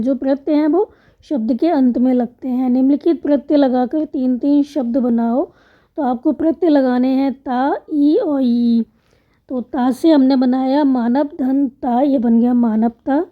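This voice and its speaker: A woman teacher patiently explaining a language exercise step by step, spelling out letters and word parts one at a time. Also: high voice. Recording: dull lo-fi sound.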